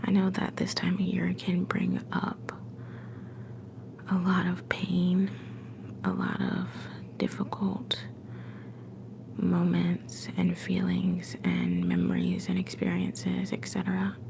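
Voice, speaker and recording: A woman hosting a whispered ASMR livestream from home. She drifts between a soft whisper and a soft-spoken voice, gently greeting chat viewers into a phone set a little way off. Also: on the low side, takes it slowly, creaky, long pauses, background noise. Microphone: phone set some distance away.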